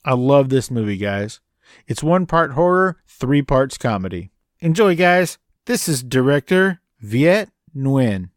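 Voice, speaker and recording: A man's voice: medium pitch, sing-song, takes it slowly, no room sound, clean studio sound. A man hosting a podcast, talking casually to his listeners and calling them guys. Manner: breezy, addresses listeners as guys. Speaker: podcast host. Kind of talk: casual podcast chat and ad reads.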